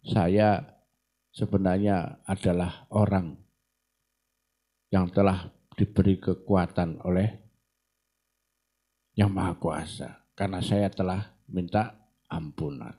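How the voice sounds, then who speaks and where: A man voicing a devil disguised as a young man, speaking low, calm and persuasive. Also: slow, long pauses, exaggerated voice.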